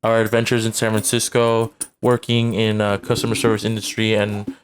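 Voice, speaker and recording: A man's voice: fairly low pitch, monotone, moderate pace. A young man with a Californian accent, co-hosting a podcast and wrapping up the episode in a matter-of-fact way. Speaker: podcast co-host. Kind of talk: casual chat and outro. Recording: noisy home podcast recording.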